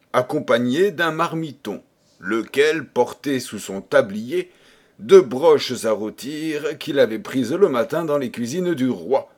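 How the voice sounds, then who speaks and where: Slow, theatrical male audiobook narrator. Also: mid-range voice. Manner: dramatic, theatrical reading. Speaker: audiobook reader. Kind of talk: expressive storybook narration.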